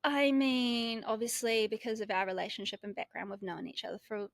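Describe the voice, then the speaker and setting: Female guest, slightly high, friendly, close dry mic. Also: fairly even intonation, gravelly, no echo. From born in Tonga, raised in New Zealand. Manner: friendly, quick affirmations, laughs easily. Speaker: podcast guest. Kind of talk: casual podcast interview.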